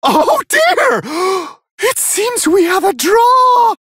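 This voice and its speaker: A man's voice: extremely high pitch, very animated, extremely slow, sharp tone, no room sound, shouting, clean studio sound, heavily acted. A male actor voicing Whis, a refined, playful otherworldly angel giving courteous, theatrical, wryly amused fight commentary in a video game. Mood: delighted surprise. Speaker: match commentator.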